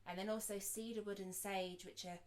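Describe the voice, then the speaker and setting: A woman guiding a group through a meditation, speaking softly and slowly with gentle pauses. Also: mid-range voice, steady tone. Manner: soft, slow and soothing, with gentle pauses. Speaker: sound healer and meditation guide. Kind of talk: guided meditation.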